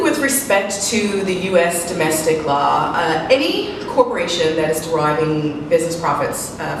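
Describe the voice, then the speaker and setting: A woman with a low, congested voice gives a professional presentation from some distance away. The room is very echoey with clear background noise. She explains things haltingly and sounds a little sniffly from a head cold. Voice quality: slightly muffled, sniffly, congested. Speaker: senior tax manager presenting.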